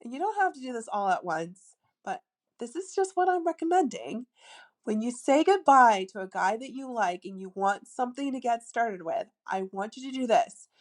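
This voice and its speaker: A woman's voice: a little high, expressive, normal speed. A woman hosting a podcast and giving dating advice in a casual, chatty monologue, with lots of filler words and playful asides. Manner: demonstrates a lilting flirty tone. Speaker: podcast host, dating coach.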